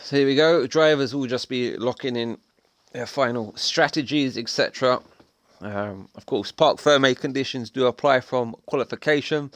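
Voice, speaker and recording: A young man commentating a sim racing league, excitable and chatty with casual slang. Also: mid-range voice, moderate pace, no echo. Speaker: race commentator.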